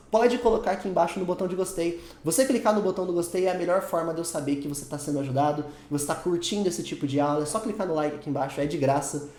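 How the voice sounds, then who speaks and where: A man's voice: sits high, a little mellow. Man teaching patiently in an echoey room. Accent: Brazilian Portuguese. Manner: patient, explanatory, frequent check-ins. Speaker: English teacher. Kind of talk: whiteboard lesson.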